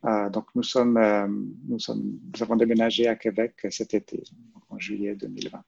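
Invité, homme de quarantaine, accent vaudois, cherche ses mots, timbre grave. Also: male voice, fairly low pitch, level tone, moderate pace, vocal fry, a little mellow, breathy edge. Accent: Swiss French, Vaud. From Switzerland. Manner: hesitant, many fillers and restarts. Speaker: guest, librarian and photographer. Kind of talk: casual interview answers. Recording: muffled, lo-fi.

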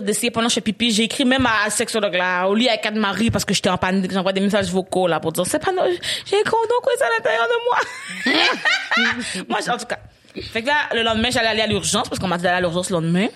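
A woman with a Québécois accent, hosting a podcast and telling a story in casual chat, animated and laughing often. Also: mid-range voice, racing. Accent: Québécois French. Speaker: podcast host.

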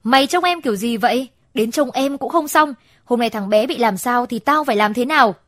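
A woman voicing a quick-tempered middle-aged father in a storybook narration, scolding and barking orders. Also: on the high side, no echo, clean studio sound, close to an everyday voice. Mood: angry scolding.

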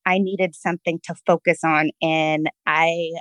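A woman's voice: sits low, flat delivery, unhurried, a bit bright, no room sound, poor audio. A woman guest chatting casually, cheerful and positive, laughing often as she talks. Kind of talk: casual interview chat.

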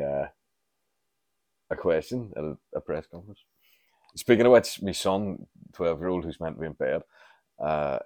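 A man's voice: very deep voice, a little mellow, no room sound, clean studio sound. A man, chatting casually and candidly as a podcast host, rambling and swearing freely. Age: 40s. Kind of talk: casual solo chat.

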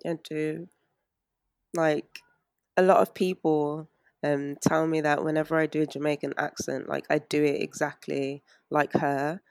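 A woman, an interview guest talking anxiously in a halting way with many fillers and restarts. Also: deep voice, flat delivery, no room sound, clean studio sound. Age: 20s. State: anxious and strained. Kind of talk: emotional interview.

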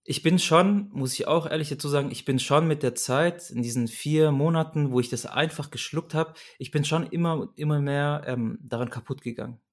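A man's voice: fairly high pitch, normal speed, few pauses. A young man telling a personal story as a guest in a conversation, earnest and searching, often restarting and repeating himself as he goes.

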